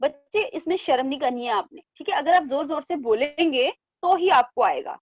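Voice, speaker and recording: A woman teacher giving an online class to young children, drawing out syllables slowly and repeating each word twice for them to copy. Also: sits high, animated, dry recording, lo-fi sound. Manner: coaxing, repeats words in pairs. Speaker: primary school teacher. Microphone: online class from home.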